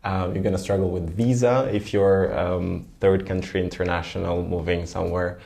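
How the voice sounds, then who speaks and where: Deep gravelly male podcast host. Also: steady tone, moderate pace, warm tone. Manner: friendly, prompting questions and affirming often. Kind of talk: casual podcast interview.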